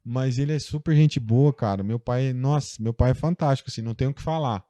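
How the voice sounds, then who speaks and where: A man's voice: mid-range voice, brisk, dark tone, no echo. A young Brazilian man, a guest in a casual interview, telling a personal story in a loose, chatty way full of fillers. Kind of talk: casual conversation.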